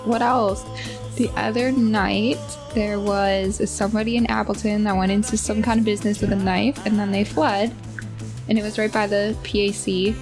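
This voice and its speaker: A woman, co-hosting a podcast as an animated storyteller who laughs often. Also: mid-range voice, normal speed, music in the background. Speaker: podcast co-host. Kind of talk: casual chat.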